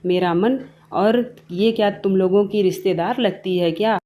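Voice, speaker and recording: A woman's voice: medium pitch, normal speed, dull audio, slight background noise, natural voice. A woman voicing a rude drunk man who refuses to pay, in a moral story. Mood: defiant.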